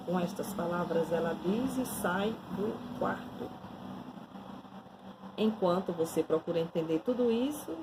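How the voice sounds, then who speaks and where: Woman telling a devotional story, slow and dramatic, faint background noise. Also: mid-range voice. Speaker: nun giving a devotional.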